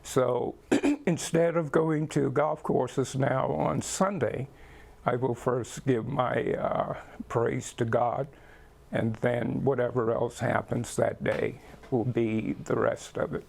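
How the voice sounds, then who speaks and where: An older man from the Bahamas speaks slowly, with a gravelly edge to his mid-range voice. He answers interview questions thoughtfully, pausing often and leaning on fillers. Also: mid-range voice, fairly even intonation, darkish tone. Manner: slow, thoughtful, with many pauses and fillers. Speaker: guest.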